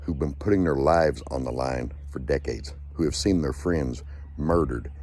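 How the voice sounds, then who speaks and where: A man's voice: a bass voice, normal speed, dark tone, husky. A man hosting his own channel, delivering an angry, profane rant with lots of repetition. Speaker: channel host.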